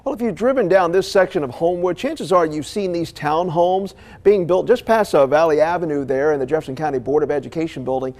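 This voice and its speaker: An American man with a voice a touch higher than most men's anchors morning TV news. Brisk and darkish in tone, he delivers stories and conducts live interviews in broadcast news style.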